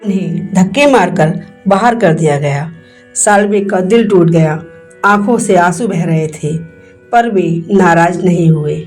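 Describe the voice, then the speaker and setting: A woman's voice: on the low side, unhurried, a little mellow, soft background music. A woman narrating a devotional story in an emotive, dramatic storytelling manner.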